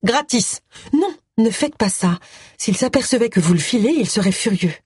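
A woman voicing a gentle, earnest vicar's wife who speaks insistently. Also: fairly high pitch, animated, moderate pace, slightly rough, no echo, clean studio sound, voice pushed up.

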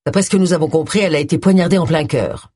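An audiobook reader voicing a tired male police detective who answers flatly, with a husky voice. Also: mid-range voice, racing, dry recording, studio quality, close to an everyday voice. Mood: weary. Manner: flat, dejected.

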